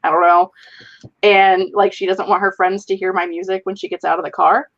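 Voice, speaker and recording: A woman's voice: mid-range voice, flat delivery, brisk, highs cut off. A middle-aged woman hosting a casual group video chat, talking in a rambling way full of fillers. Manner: chatty, rambling with many "like" fillers. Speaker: host.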